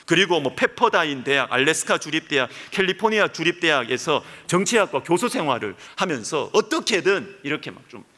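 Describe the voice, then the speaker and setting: A man preaching a Sunday sermon as pastor, lively, his voice rising high when he acts out prayers. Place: church sanctuary. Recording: church hall reverb.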